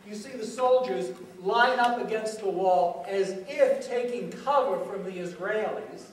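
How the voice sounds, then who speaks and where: An actor on stage playing a self-assured male media analyst who explains news footage step by step, often pausing on uh. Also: sits high, slight background noise. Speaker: stage actor in a multimedia play. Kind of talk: stage play dialogue. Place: theatre stage. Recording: echoey stage recorded from far off.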